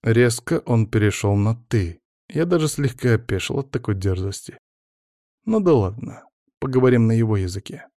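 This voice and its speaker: A man narrates a story in the first person, calm and measured, at an ordinary mid pitch. The recording is dry with no room sound. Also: no echo. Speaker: audiobook narrator.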